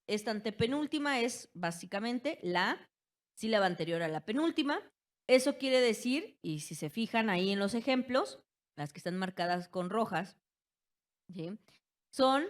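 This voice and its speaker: A woman teacher with a Mexican accent giving an online class, slowly stretching key words and checking in with her students. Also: a little high. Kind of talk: online class lecture on spelling.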